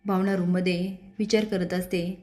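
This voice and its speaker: A woman's voice: lowish voice, level tone, normal speed, warm tone. A woman retelling a TV serial episode, reading every character's lines in her own plain voice. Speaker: serial recap narrator.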